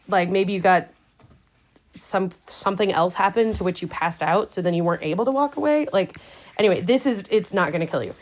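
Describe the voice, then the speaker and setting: Woman teacher, relaxed recorded class notes, conversational with dry humor, mid-range voice. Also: medium pitch, rough recording. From Indiana, US. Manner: casual, chatty, wry asides, many fillers. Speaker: science teacher. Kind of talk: recorded class lecture over slides.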